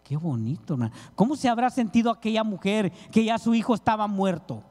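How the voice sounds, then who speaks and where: A man's voice: high-pitched, lively intonation, brisk, a little mellow. A man preaching a sermon, pleading with his listeners and calling them brother. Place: church hall. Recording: reverberant church hall.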